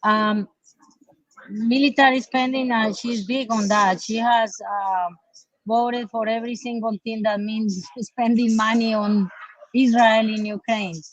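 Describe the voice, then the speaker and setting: A woman's voice: a little high, fairly even intonation, a little slow, no echo. A woman speaks as a candidate calling in remotely through a Bluetooth headset mic. Her sound is dry and dull, like lo-fi call audio. She talks hesitantly, with many fillers. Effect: remote call over a Bluetooth headset mic. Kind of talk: casual remote interview.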